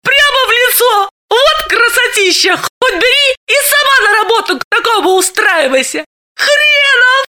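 A woman voicing a loud, bawdy woman friend in an audiobook, squealing, shouting and laughing through the lines. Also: very high voice, sing-song, normal speed, pitched above the performer's own voice, full character voice. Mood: laughing, shrieking. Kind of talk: audiobook character voice.

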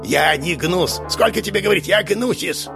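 A man voicing a scheming, boastful male crook in an audiobook, with a raspy voice and an unflappable, smug manner. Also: on the high side, sing-song, fairly quick, music in the background, voice pushed up, heavily acted. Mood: indignant. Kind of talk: audiobook character voice.

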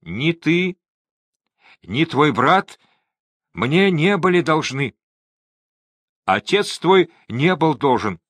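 A man's voice: on the high side, lively intonation, normal speed, sharp tone, dry recording, voice pushed up. Man putting on a wheedling old merchant, raised voice. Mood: pleading. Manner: wheedling, pleading. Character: old cunning male merchant, fawning and sly.

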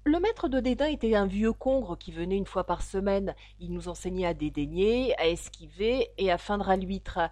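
A woman voicing a sighing, mournful sea creature in a storybook reading, with a lively, plaintive lilt. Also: mid-range voice, moderate pace, hardly any pauses, no room sound, lightly acted.

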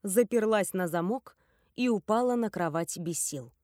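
Woman audiobook narrator, steady first-person fantasy read, dry close studio sound. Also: medium pitch, moderate pace, no room sound. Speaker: audiobook reader.

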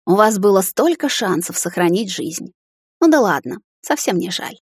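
A woman's voice: medium pitch, lively intonation, moderate pace, husky, no room sound, clean studio sound. A woman voicing a scornful, haughty young female witch in an audiobook, speaking in a mocking, sneering manner.

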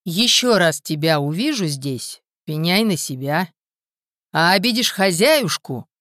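Woman doing a stern calm village hunter. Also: sits low, normal speed, no room sound, clean studio sound, natural voice. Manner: gruff, level, quietly commanding.

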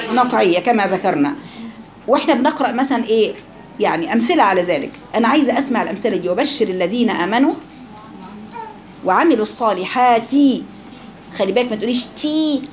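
A woman's voice: fairly high pitch, expressive, fast, pauses often, slight background noise. A woman with an Egyptian accent teaching a live Quran recitation class. She drills letter sounds and quizzes her students.

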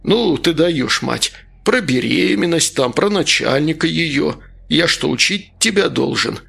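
A man voicing a crude, cynical little man who speaks in a slow, mocking, unhurried way. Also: on the high side, lively intonation, vocal fry, a bit bright, slightly rough, full character voice. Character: crude, cynical small man with back pain.

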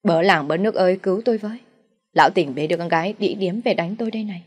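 A woman's voice: lowish voice, rapid-fire, husky. A woman voicing a shrewish middle-aged stepmother who scolds, curses and wails for the village to hear. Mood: wailing curses. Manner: scolding, cursing, wailing to the village.

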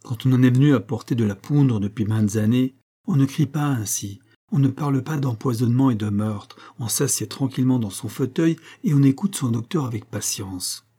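A man voicing a calm older male doctor who explains things gently and patiently. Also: mid-range voice, normal speed, husky, natural voice. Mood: explaining.

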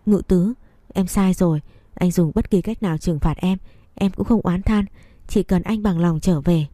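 A woman's voice: lowish voice, moderate pace, warm tone, no echo, clean studio sound, lightly acted. A woman voicing a pleading, emotional estranged wife in a read-aloud story.

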